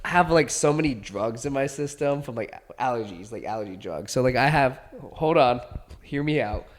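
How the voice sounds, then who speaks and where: Congested man rambling, lively pitch. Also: normal speed. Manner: rambling, filler-heavy. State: congested, stuffy nose. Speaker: podcast co-host. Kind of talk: casual chat.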